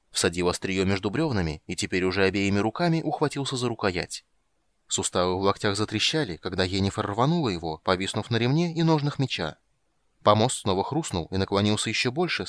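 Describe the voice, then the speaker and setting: A man giving steady, dramatic audiobook narration. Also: fairly low pitch, fairly quick, no echo.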